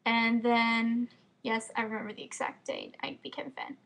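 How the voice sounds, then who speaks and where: Speaking on the high side with a steady tone, vocal fry and a somewhat bright sound, this Florida teen fan vlogger chats into her computer webcam mic. She has an American accent and a slight lisp, and she rambles quickly with plenty of fillers. The setting is an indoor room at home lined with bookshelves.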